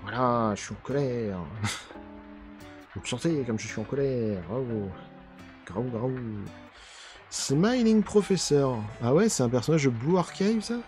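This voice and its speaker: A man's voice: mid-range voice, animated, a little slow, darkish tone, soft background music. A man hosting a card unboxing in casual commentary, chatty and grumbling with a mock-angry edge.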